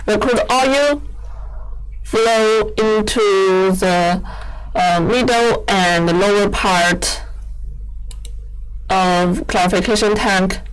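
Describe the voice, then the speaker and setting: A woman giving an explanatory product demonstration in halting, non-fluent English, often repeating words as she goes. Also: mid-range voice, clean tone, low-quality recording. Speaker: equipment company presenter giving a machine demo.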